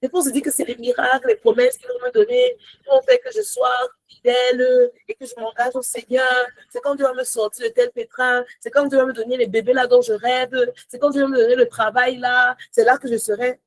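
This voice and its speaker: A woman teaching a Bible study in a lively, animated way, mixing in English phrases, sometimes near-shouting with joy, then dropping low and soft. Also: a little fast, no echo, low-quality recording. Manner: rises to joyful near-shouts, drops to soft low asides.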